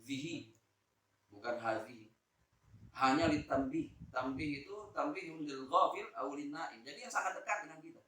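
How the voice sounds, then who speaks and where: A man from Lombok giving a Quran exegesis lecture to teachers, shifting between loud emphasis and soft asides, and drawing out Arabic words slowly. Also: a little high, a little hiss or hum. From Lombok, Indonesia. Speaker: Islamic teacher. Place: school hall, indoors. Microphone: phone camera recording. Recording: echoey room, distant phone mic.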